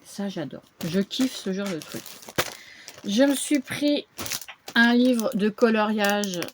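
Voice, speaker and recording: A woman's voice: medium pitch, animated, takes it slowly, noisy background. A woman chatting casually through a shopping haul video at home, with lots of fillers and little interjections. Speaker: vlogger showing a shopping haul.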